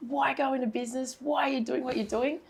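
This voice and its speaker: A woman's voice: sits high, steady tone, fast, vocal fry, husky. An Australian woman hosting an interview series, who introduces the show and encourages her guest in an upbeat way.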